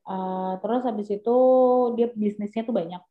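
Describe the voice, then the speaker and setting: A woman's voice: mid-range voice, normal speed. A young adult woman, a business guest, talking casually and animatedly with lots of fillers. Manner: chatty, animated, with many fillers. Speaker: entrepreneur guest. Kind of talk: casual interview chat. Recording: echoey, dull lo-fi sound.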